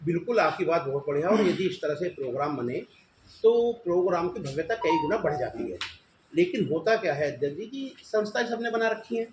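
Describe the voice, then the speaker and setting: Male event organizer, emphatic and insistent, high voice, roomy recording. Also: lively intonation, a little fast. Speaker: event organizer at a press conference. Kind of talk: press conference answers. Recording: echoey room with background noise.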